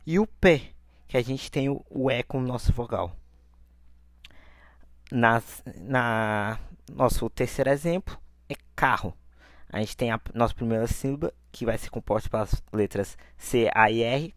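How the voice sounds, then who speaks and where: A man teaching an online lesson, explaining each point step by step and often checking in with a quick question. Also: mid-range voice, no room sound, studio quality.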